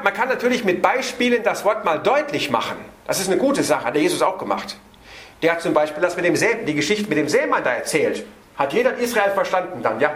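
A man delivers an evening sermon on a Bible passage, slowing down to stress words and rushing through his asides. His voice is high with a fairly bright tone, and the sound is roomy.

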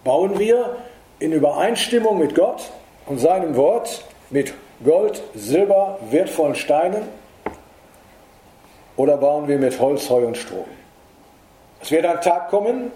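Middle-aged male preacher, earnest and emphatic, fairly high mellow voice, reverberant room. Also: expressive, a little slow. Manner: earnest, emphatic, rises in pitch for stress. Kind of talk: sermon. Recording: echoey room.

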